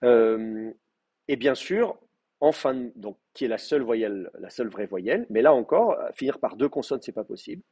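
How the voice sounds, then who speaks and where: A man's voice: medium pitch, animated, normal speed, mellow, breathy edge. A male teacher giving a live class, explaining step by step with many fillers and checking that students follow.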